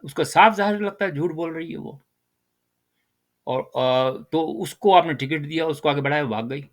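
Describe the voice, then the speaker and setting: Older male commentator, rhetorical and direct, lively delivery. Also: on the high side. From Pakistan. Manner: animated, rhetorical, addresses listeners directly. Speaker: political commentator. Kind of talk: casual political commentary.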